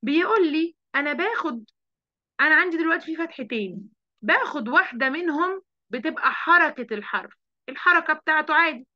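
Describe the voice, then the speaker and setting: A woman's voice: high voice, animated, fast talker, pushed and bright, dry recording. A woman with an Egyptian accent teaching an online primary class, coaxing the children with many questions. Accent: Egyptian Arabic. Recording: dull lo-fi online audio.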